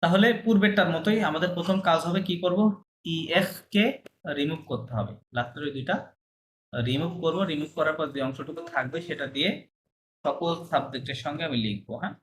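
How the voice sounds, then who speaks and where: A patient French teacher walks through verb endings in an online class, mixing in English and French phrases and pausing often to check that students follow. Faint background noise sits under the voice. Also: medium pitch, rough recording. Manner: mixes Bengali with English and French terms. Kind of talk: online language lesson.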